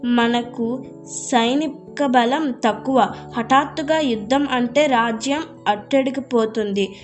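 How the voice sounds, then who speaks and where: A woman's voice: fairly high pitch, slow pace, faint music behind. A woman reading the lines of a male royal minister formally addressing a crowd in a story.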